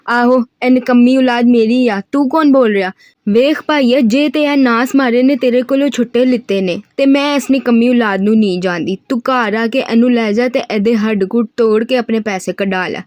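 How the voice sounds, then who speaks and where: A loud, rustic mother with a broad Punjabi accent, put on by a woman reader, scolding and doting by turns in a thickened, raised voice. This storybook figure sits higher than a plain voice. The sound is dry and close to the mic. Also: normal speed, no echo, close to an everyday voice. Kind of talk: audiobook reading of a novel.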